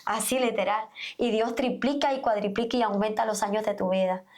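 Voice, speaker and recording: A woman's voice: mid-range voice, steady tone, brisk, darkish tone. A middle-aged woman pastor, a podcast guest, telling her personal faith testimony earnestly and acting out the dialogue as she goes. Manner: earnest storytelling, reenacts dialogue.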